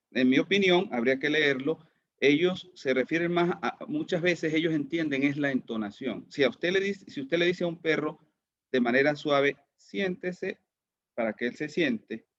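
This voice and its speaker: Man, lecturer, online class, fairly high voice, muffled dry audio, quizzes students. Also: no echo. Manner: questioning, repeats words.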